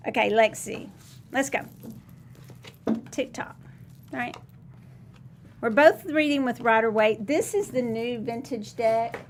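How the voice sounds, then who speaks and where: A woman co-hosting a casual live chat and giving tarot readings, talking in quick restarts and laughing easily. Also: fairly high pitch, slight background noise. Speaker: co-host and tarot reader.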